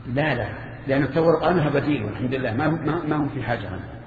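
Older male teacher, casual lecture tone full of restarts, mid-pitched, recorded lo-fi in a reverberant hall. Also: slight background noise. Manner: conversational, with halting restarts and questions to the audience. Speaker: Islamic scholar teaching a lesson. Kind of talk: religious lecture with questions from students. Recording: echoey hall, muffled lo-fi archive tape.

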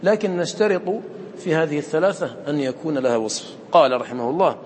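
Fast-talking male teacher in an echoey hall. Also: fairly high pitch, expressive. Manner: explains step by step, quizzes students with short questions. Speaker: teacher of Quran recitation. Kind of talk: classroom lesson explaining a poem. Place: lecture room with students. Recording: echoey hall with faint noise.

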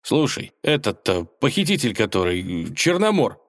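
A man voicing a brash, quick-tempered young hero, talking loudly and excitedly. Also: mid-range voice, no echo, studio quality. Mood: indignant. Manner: loud, excited, shouting.

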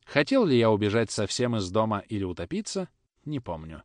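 A man narrating an audiobook in a measured, expressive reading. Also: on the low side, no echo, studio quality. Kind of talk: scripted narration.

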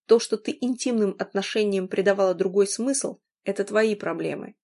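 A woman's voice: medium pitch, normal speed, mellow, close to an everyday voice. A woman reading an audiobook, voicing a furious wealthy man who swears and growls. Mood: enraged.

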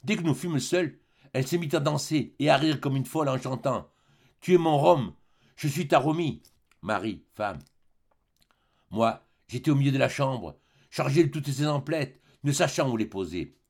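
Reading a classic novel aloud for a volunteer audiobook, a man tells the story with expressive flair. His mid-range voice is gravelly and slightly rough, moving at a normal speed through the scripted narration.

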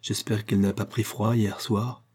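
A man doing a curt, authoritative gentleman. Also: lowish voice, level tone, moderate pace, husky. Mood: firm. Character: firm, upright country gentleman, dry and brief.

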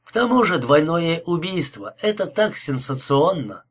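A man reading an audiobook, voicing a calm, politely mocking male killer with a husky voice. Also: on the high side, normal speed, voice pushed up. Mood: cold menace. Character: cold courteous male killer, calm and menacing.

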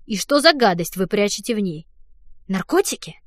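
A woman voicing a stern, intimidating male hotel director who speaks slowly and deliberately. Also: medium pitch, sing-song, dry recording, clean studio sound, lightly acted. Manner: slow, deliberate and clipped. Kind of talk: audiobook character voice.

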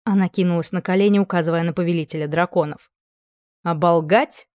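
A woman narrating a fantasy novel in even, measured, scripted storytelling. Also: lowish voice, no room sound, clean studio sound. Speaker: audiobook narrator.

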